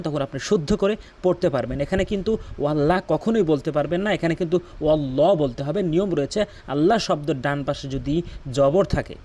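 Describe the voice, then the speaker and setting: Fairly high-voiced male Quran teacher. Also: a little mellow, a little hiss or hum. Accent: Bangladeshi Bengali. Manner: instructive, repeats examples slowly. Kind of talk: tajweed pronunciation lesson.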